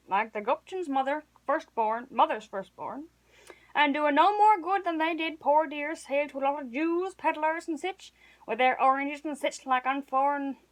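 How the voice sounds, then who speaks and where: Doleful old countryman in his seventies, rustic dialect, slow and gloomy; read by a woman with a high voice. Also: lightly acted, poor audio. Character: doleful, pious old male villager, seventies.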